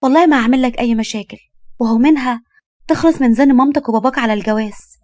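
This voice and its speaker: A woman voicing a bold, teasing young woman in her twenties, with an Egyptian accent and quick comebacks. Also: a little high, a little mellow, no echo, clean studio sound, pitched above the performer's own voice, natural voice. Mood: cheeky.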